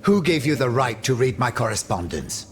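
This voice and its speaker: An actor voices a flamboyant French nobleman in a video game cutscene, delivering florid, declamatory lines full of bitter indignation. His mid-range voice swings widely in pitch at a normal speed, lightly acted, with a little hiss or hum.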